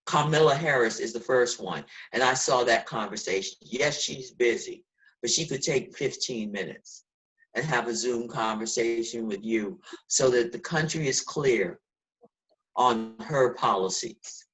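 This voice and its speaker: A woman's voice: rumbling low, unhurried, a bit bright, rough recording. Earnest woman in her sixties on a call. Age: 60s. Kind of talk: casual video call discussion.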